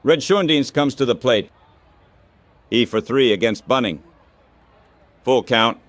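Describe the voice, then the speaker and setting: Baseball radio play-by-play comes from a synthetic male text-to-speech voice delivering short, clipped phrases. It's medium in pitch, a little slow, and has no echo.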